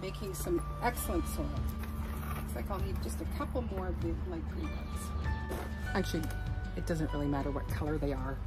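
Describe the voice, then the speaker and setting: A woman's voice: lowish voice, normal speed, over loud music, poor audio. A woman gardening vlogger in a chatty, casual how-to style, explaining while she works in an outdoor garden.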